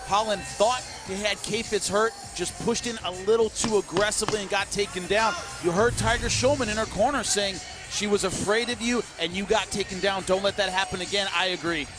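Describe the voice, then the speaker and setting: A man's voice: high-pitched, fairly even intonation, brisk. A man giving live color commentary on an MMA fight, explaining tactics with blunt opinions. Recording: loud crowd and music behind broadcast mic. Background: arena crowd and music.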